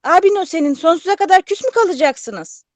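A woman's voice: extremely high pitch, lively intonation, fairly quick. A woman playing a motherly, sighing aunt in a radio drama, with folksy, doting speech. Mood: sighing, concerned. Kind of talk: Turkish radio theatre acting.

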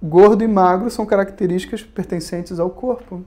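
A man's voice: high-pitched, fairly even intonation, moderate pace, dark tone. A man with a Brazilian Portuguese accent giving a recorded philosophy lesson, talking conversationally and acting out imagined dialogues. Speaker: spiritual teacher.

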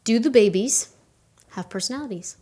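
Chatty young mother, relaxed. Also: a little high, moderate pace. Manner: relaxed, chatty, finishes partner's sentences. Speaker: co-host, new mother. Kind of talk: casual Q&A chat with partner.

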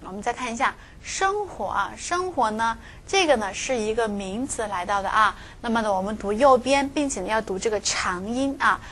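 A woman teaching pronunciation in a recorded lesson, speaking quickly with a slightly high voice. She explains each rule step by step and says every example word several times over. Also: fairly bright tone, slight background noise. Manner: frequent filler particles at phrase ends. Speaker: Korean language teacher.

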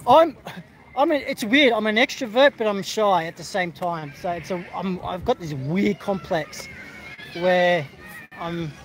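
Poor audio captures a middle-aged Australian man's high, unhurried voice as he chats on a livestream from an outdoor football carnival. He greets viewers in a rambling, casual way, with lots of fillers and restarts, and a crowd can be heard behind.

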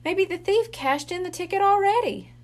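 Sharp young girl detective in a storybook, high bright voice, read by a woman. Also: animated, moderate pace.

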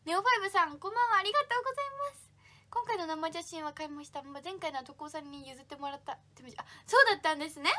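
A woman's voice: very high voice, rapid-fire, sharp tone. A young woman hosting a casual livestream, reading fan comments aloud and thanking viewers by name in a bubbly way. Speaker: idol livestream host.

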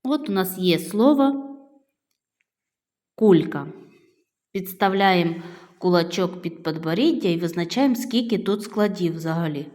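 A woman's voice: fairly low pitch, lively intonation, a little slow, pauses often, darkish tone. A middle-aged woman teaching young children a phonics lesson, patiently drawing out each word as she sounds it. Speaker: primary school teacher. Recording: echoey room with long reverb.

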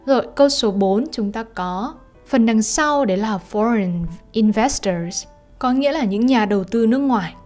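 A woman's voice: on the high side, moderate pace, a little mellow, soft background music. A woman teacher, a native Vietnamese speaker, explains English exercises in a video lesson and keeps checking in with her students using tag questions.

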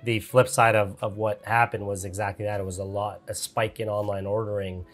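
A man's voice: on the low side, flat delivery, brisk, soft background music. A man in his thirties hosting a casual interview over a headset on a video call. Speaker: podcast host. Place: home studio room.

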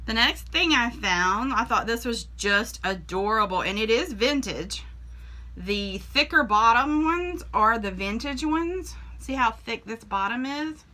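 This woman's fairly high voice is animated and bright, with a pushed quality, and she keeps a measured pace. She's recording a chatty show-and-tell vlog on a camera mic, casually presenting flea market treasures with frequent ums in a small shelved room.

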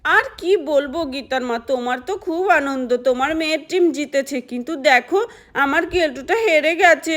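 A woman's voice: sits high, brisk, fairly bright tone. A woman voicing an angry, strict village mother who scolds and complains in a doll story. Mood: complaining.

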